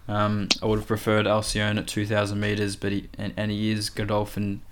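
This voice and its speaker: Male racing analyst, fairly low and monotone, casual but halting delivery. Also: noisy background. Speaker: racing podcast tipster.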